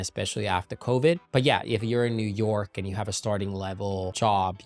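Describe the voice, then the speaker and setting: A young adult man from Finland, talking casually to camera as a YouTuber and entrepreneur, and lifting his voice on key points. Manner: conversational, lively rises in pitch and loudness on key points.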